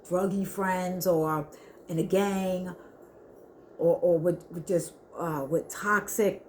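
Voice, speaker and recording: A woman giving an earnest spiritual reading to her viewers, talking haltingly with many restarts. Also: lowish voice, fairly even intonation, a little mellow, a little hiss or hum. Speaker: spiritual reader. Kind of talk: intuitive spiritual reading to camera.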